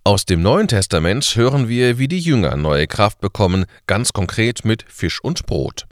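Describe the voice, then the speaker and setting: A man's voice: lowish voice, sing-song, moderate pace, no room sound, clean studio sound. A man hosting a short radio church service and giving a sermon, talking conversationally with rhetorical questions.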